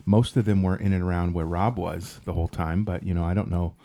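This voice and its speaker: A man's voice: low voice, steady tone, a little fast, dark tone. A man co-hosting a casual group podcast, telling a story in a rambling, chuckling way. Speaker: podcast co-host.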